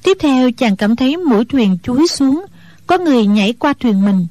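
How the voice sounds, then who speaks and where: A woman narrates a martial-arts novel in a steady, even storytelling voice. Her pitch sits a little high. The recording is dry and close. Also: normal speed, no room sound.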